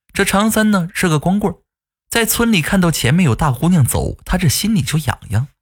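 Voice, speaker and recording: A man's voice: fairly high pitch, slightly rough. A man narrating a spooky folk tale in a chatty, folksy way, with asides to the listener. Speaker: storyteller.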